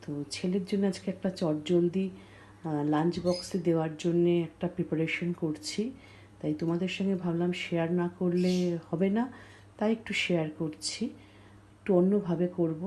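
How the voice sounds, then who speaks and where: A woman quietly walking viewers through a recipe in her home kitchen at dawn, keeping her voice low so the family can sleep. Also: fairly even intonation, rough recording. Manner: speaking softly and slowly so as not to wake the household. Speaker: cooking vlogger. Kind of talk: casual cooking vlog. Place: home kitchen, early morning. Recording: clear cooking noise under voice. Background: frying and sizzling from the pan.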